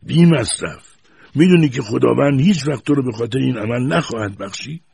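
A man voicing a mocking, irascible old grandfather who talks in a shrill, jeering and outraged way. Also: creaky, darkish tone, breathy edge, no echo.

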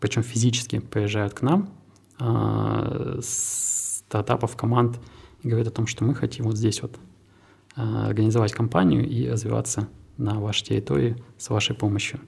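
A man with a low, gravelly, husky voice of dark timbre answers interview questions. He heads a tech park and speaks in a measured, businesslike way, sometimes restarting his phrases. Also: little pitch movement.

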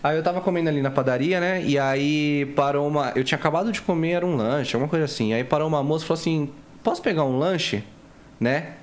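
Quick slangy São podcast host. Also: male voice, fairly high pitch. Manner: relaxed anecdotal, slangy. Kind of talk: casual podcast chat.

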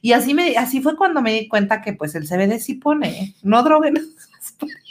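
A woman's voice: a little high, expressive, brisk, a little hiss or hum. A Mexican woman co-hosting a casual podcast, spinning a long personal anecdote. Her voice swoops up and down with animation, and she curses and laughs freely as she talks. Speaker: podcast co-host. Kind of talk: casual storytelling chat.

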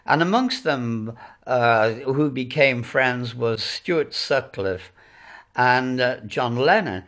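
A man's voice: mid-range voice, animated, slow pace, fairly bright tone. Wry Welsh-accented man telling old stories. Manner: dry, wry storyteller. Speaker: former club owner and band manager. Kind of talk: recalled interview anecdote.

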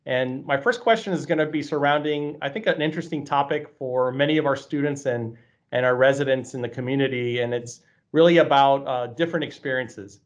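A college campus president hosts an interview show, sounding friendly and loose, with plenty of fillers and repeated words. His medium-pitched voice moves fairly quickly, and the recording has a slightly dull, lo-fi quality.

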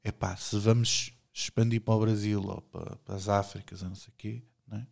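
A man's voice: fairly low pitch, level tone, fairly quick, creaky, a little mellow. This is a middle-aged man with a European Portuguese accent, chatting casually on a podcast. He talks bluntly and jokes around, and he swears without a second thought. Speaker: podcast co-host.

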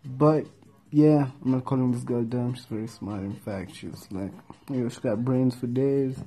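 A man's voice: mid-range voice, moderate pace, warm tone, slightly rough, faint music behind. A young man hosting a casual podcast, talking in a laid-back, slangy, rambling way with lots of fillers. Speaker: podcast host.

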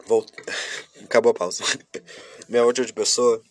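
A young man talking casually and openly to his viewers. He shifts between loud, lively bursts and quiet, subdued stretches. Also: mid-range voice, a little fast, dry recording. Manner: chatty, talks straight to viewers, often breaks off and restarts. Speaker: vlogger. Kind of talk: casual confessional monologue.

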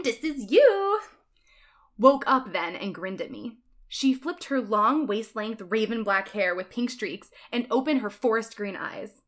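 Bright-voiced woman reading a story aloud. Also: mid-range voice. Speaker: reader. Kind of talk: reading a fan fiction aloud.

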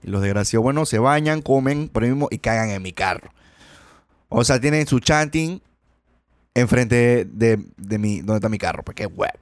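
Colombian male host, loose rambling storyteller, mid-pitched voice, dry close sound. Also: expressive, moderate pace, no echo. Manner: rambling, slangy, frequent restarts. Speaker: podcast host. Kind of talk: casual storytelling monologue.

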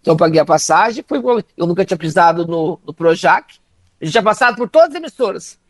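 A middle-aged woman from Minas Gerais, speaking with a Brazilian Portuguese accent, tells animated anecdotes as a comedian guest, laughing often and acting out dialogue. Her voice is fairly low and animated, she talks fast, and there's no room sound.

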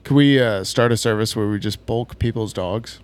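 Deadpan young man with hiccups. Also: fairly low pitch, moderate pace. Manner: dry, deadpan jokes. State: has the hiccups. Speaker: podcast co-host. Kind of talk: casual chat.

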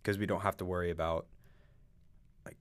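Low-voiced man sharing measured thoughts. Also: flat delivery, clean tone. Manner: measured, quotes scripture, trails off in short phrases. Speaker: podcast guest. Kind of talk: casual faith discussion.

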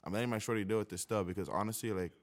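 A man's voice: on the low side, racing. Young man, slangy and casual. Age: young adult. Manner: street slang, informal. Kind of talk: casual chat.

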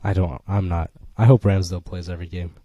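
A young man with a lowish voice chats about football on a podcast, sarcastic and full of opinions. The sound is close and dry, with no room echo at all. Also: level tone, fast, mellow, dull audio. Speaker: podcast co-host. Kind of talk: casual football chat.

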